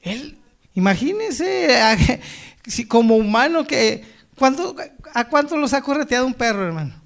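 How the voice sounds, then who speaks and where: A man's voice: extremely high pitch, sing-song, creaky. A man preaching a sermon, reading scripture aloud and then talking it over, often calling his listeners brother and asking "right?". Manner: addresses listeners as brother, tags lines with a questioning "right?"; reads quoted lines slowly and loudly, then drops to a soft, quiet tone.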